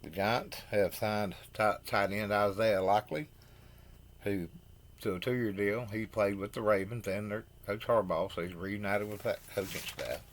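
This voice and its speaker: A man hosting a football news show, reading signings from his notes with halting pauses, stumbling over names and adding blunt opinions. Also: lowish voice, steady tone, a little hiss or hum. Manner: opinionated asides. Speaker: host.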